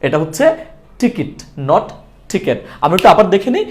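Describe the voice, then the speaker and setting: A man teaching a pronunciation lesson at a quick clip. His voice sits a little high and swings widely in pitch. He fires off his own questions, answers them, and repeats each word in short drills. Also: wildly swooping pitch. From Bangladesh. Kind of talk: lively video lesson in Bengali.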